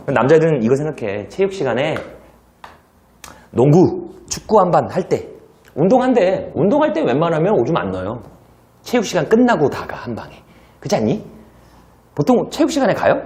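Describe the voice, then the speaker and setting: A male teacher giving a lively classroom lecture, telling stories with sound effects and acted dialogue and throwing rhetorical asides to his students. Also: mid-range voice. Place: lecture hall.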